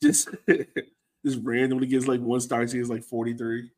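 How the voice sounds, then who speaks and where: A man with a mid-range, slightly mellow voice co-hosts a soccer fan show, speaking at normal speed with a completely flat delivery. The talk is casual sports chat, and he keeps putting questions to his co-host for discussion.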